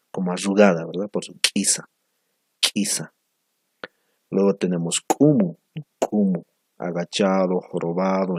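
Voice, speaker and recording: A man gives a slide lecture in a very low, slightly husky voice. He speaks slowly, repeating sounds and often tagging phrases with a question. The recording is dry, with no room echo. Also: a little mellow. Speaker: language teacher.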